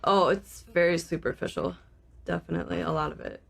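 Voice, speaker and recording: A woman with vocal fry, talking reflectively in a casual discussion as a podcast co-host. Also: fairly low pitch, a little fast.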